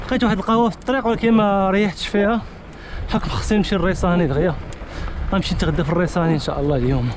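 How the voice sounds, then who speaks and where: A man with a Moroccan accent narrating a casual travel vlog outdoors, in offhand short bursts of commentary. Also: rapid-fire. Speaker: travel vlogger on a bicycle trip. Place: outdoors on a desert track and road. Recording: noisy outdoor sound with vehicle-like rumble.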